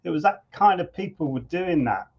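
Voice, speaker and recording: A man, a guest musician telling stories in a conversational interview, animated and often repeating words as he thinks. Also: on the high side, normal speed, slightly rough. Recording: dull lo-fi sound.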